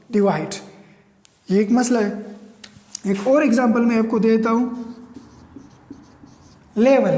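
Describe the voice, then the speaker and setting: High-voiced male teacher in an echoey room. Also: warm tone. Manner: repeats words and asks the class rhetorical questions. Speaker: English pronunciation teacher. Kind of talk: classroom lecture. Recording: echoey room with long reverb.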